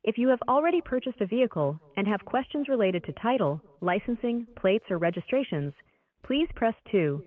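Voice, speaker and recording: A woman's voice in a recorded phone message, reading scripted menu prompts in an even, announcing manner. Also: fairly high pitch, fairly quick, no room sound. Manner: evenly paced, scripted announcing. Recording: tinny phone line.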